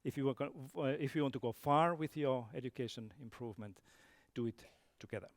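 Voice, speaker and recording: A man closing a conference talk in a large hall, earnest and slightly halting. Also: medium pitch. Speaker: education speaker.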